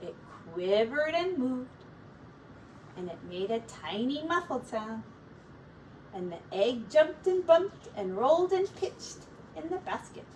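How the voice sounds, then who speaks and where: With a high, darkish voice and big pitch swings, a woman reads a children's story the way a teacher would, taking her time and shaping each phrase expressively and deliberately for small listeners. She sounds a little distant from the mic, with faint noise behind her.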